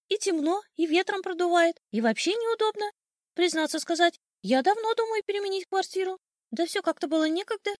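A woman voicing a cocky, boastful old male sparrow in a storybook tale, shrill and teasing. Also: dry recording, studio quality.

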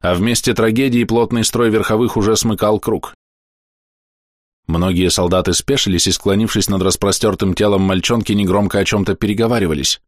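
Man, fairly low voice, audiobook narration, measured storytelling, dramatic pauses, dry booth sound. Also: fairly even intonation, no echo. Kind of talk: scripted fantasy audiobook narration.

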